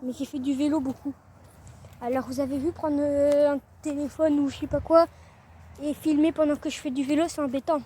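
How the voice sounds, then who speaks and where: A woman's voice: high voice, flat delivery, a little fast, warm tone, slight background noise. A teenage girl from France, vlogging casually outdoors by her chickens, rambling and often trailing off mid-sentence. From northern France. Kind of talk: casual vlog. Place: outdoor garden by a chicken coop.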